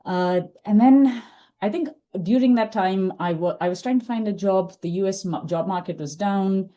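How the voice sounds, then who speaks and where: She tells the story of her career on a podcast in a warm, medium-pitched voice at a normal pace. Middle-aged, from India, and a first-language Tamil speaker, she is thoughtful but uses many fillers and restarts.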